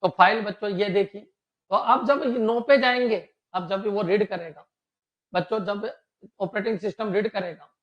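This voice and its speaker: A male computer teacher giving a classroom lecture, often asking his students if it is clear. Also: high-pitched, normal speed, lo-fi sound. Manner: keeps checking students with "clear?".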